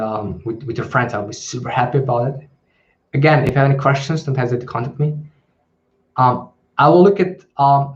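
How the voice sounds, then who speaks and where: A man hosting a live question-and-answer stream, answering in a hesitant way with many ums and restarts. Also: medium pitch. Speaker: channel host. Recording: dull lo-fi livestream audio.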